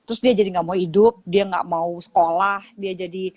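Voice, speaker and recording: A woman's voice: fairly low pitch, steady tone, normal speed, darkish tone, no echo. Middle-aged woman, talks frank and chatty, dry close sound. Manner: frank and chatty, laughs often. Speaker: sexologist host. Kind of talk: casual chat on a livestream.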